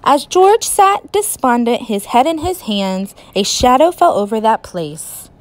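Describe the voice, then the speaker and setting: A woman teacher reading a picture book aloud in a slow, expressive storytelling manner. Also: fairly high pitch.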